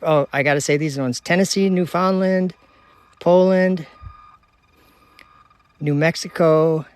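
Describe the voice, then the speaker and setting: A man's voice: fairly high pitch, slow, smooth, no echo. A man from Minnesota hosting a casual outdoor livestream at night, chattily reading viewer comments and locations aloud while he runs a telescope. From Minnesota, United States. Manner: relaxed, reads viewer locations aloud in a chatty running list. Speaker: livestream host.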